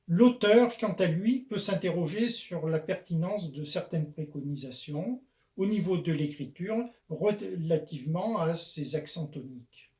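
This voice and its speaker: Man, poetry lecturer, measured, hesitant fillers, fairly high pitch. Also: darkish tone. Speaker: poetry lecturer and author-declaimer. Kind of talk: spoken lesson on verse.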